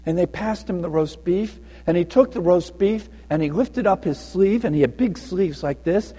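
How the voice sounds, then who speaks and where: A man telling a story during a children's sermon in church, animated and playful. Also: high-pitched, moderate pace, breathy edge. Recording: long church reverb.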